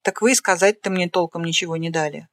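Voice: medium pitch, fast talker, no room sound, clean studio sound, natural voice. A reader doing a meek, grumbling young patient. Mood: wary. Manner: meek and wary, muttering complaints.

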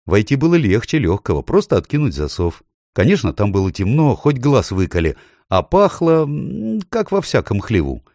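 A man's voice: mid-range voice, huge pitch swings, moderate pace, darkish tone, dry recording, studio quality, pitched above the performer's own voice. A man reading an audiobook, voicing a brave, cheeky young girl who tells her tale eagerly.

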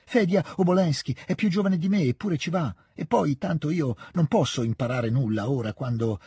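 A man voicing an excitable teenage boy who pleads in a high, strained voice. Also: normal speed, breathy edge, no room sound, clean studio sound. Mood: insistent.

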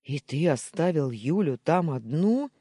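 Reader doing a hotheaded young guy, pushy, voice jumps around, husky and low-toned. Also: huge pitch swings, slow, dark tone, dry recording, clean studio sound, full character voice. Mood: angry. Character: hot-tempered young man, loud and pushy.

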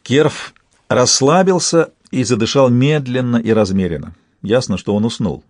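A man's voice: medium pitch, lively intonation, a little mellow, no echo. Man narrating an audiobook, dry and close. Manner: measured, tense first-person telling. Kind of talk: scripted narration.

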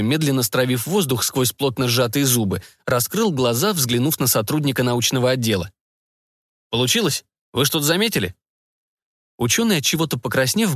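A man's voice: mid-range voice, no echo. Man narrating an audiobook, dry sound. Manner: steady storytelling. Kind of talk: scripted narration.

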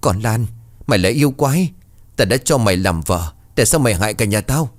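A man's voice: lowish voice, expressive, a little fast, dry recording, close to an everyday voice. A man voicing a grief-crazed older village chief who wails and rants. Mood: raging. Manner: wailing, ranting.

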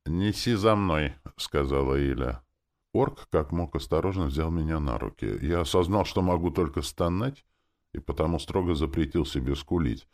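A man reading a first-person audiobook with an expressive, wry delivery. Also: very deep voice, normal speed. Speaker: audiobook narrator.

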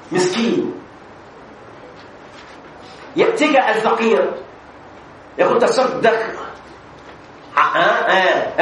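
A man's voice: high-pitched, fairly bright tone. A man teaching an Arabic grammar class as a sheikh, asking questions, answering them himself and repeating example phrases. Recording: echoey room with faint background noise.

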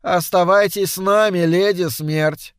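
A man voicing an aristocratic lady at a ball who pleads slowly and earnestly. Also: high-pitched, fairly even intonation, clean tone, dry recording, studio quality, voice pushed up. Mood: weary.

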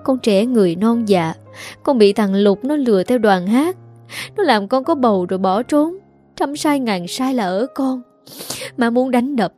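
Narrator doing a weeping young daughter begging her mother, higher voice, dark tone. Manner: pleading, tearful sobbing delivery. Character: young woman, remorseful runaway daughter begging forgiveness.

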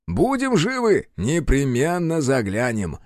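A sardonic, easygoing vampire, played by a male reader who trades mocking quips in a lively, bouncing voice. The sound is dry and close to the mic. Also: mid-range voice, measured pace, no room sound. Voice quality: wry, mocking banter.

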